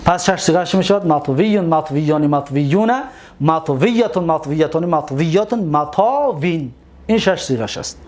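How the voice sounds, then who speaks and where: A man with a Tajik accent and a high voice teaches grammar. He chants long lists of word forms in steady rhythm and checks his students with questions. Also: a little hiss or hum. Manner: drills conjugations aloud, repeats and quizzes listeners. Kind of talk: Arabic grammar lesson.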